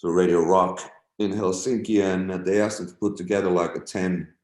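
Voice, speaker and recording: A middle-aged guest musician tells stories in a casual interview, laid-back, swearing freely and acting out quotes. He speaks at a normal speed in a low, steady voice, and the recording carries a roomy echo.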